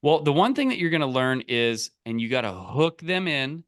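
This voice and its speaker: This is a very animated male voice in the mid range, moving at a normal speed. He's on a call giving casual coaching, direct and emphatic with a salesy edge, often checking that the listener is following. Along the way he explains things and supplies sample scripts.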